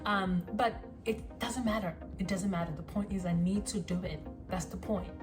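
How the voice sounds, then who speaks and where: A woman in her twenties from South Africa, introducing herself to the camera in a rambling, self-conscious vlog with lots of ums and pauses, recorded on a phone. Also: mid-range voice, fairly even intonation, over music. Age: 20s. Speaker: vlogger.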